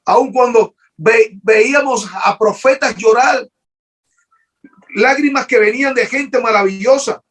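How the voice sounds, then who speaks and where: A man's voice: very high voice, measured pace. A man preaching an emotional sermon as pastor, fervent and repetitive, often restarting his sentences.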